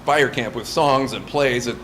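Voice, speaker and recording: A Southern California man whose native language is Lithuanian answers interview questions about a scout camp, sounding eager and casual, restarting sentences and laughing lightly. His voice is medium in pitch and a little bright, at a normal speed, with slight hiss or hum in the recording.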